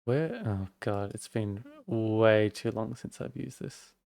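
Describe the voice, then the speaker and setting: A man with an Australian accent talks through a live-stream setup in a loose, rambling way, joking at his own expense as he works. His voice sits on the low side. The sound is dry and close, with no room echo. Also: takes it slowly, gravelly, darkish tone. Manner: rambling, self-deprecating, talks while working. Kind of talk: casual live-stream tech walkthrough.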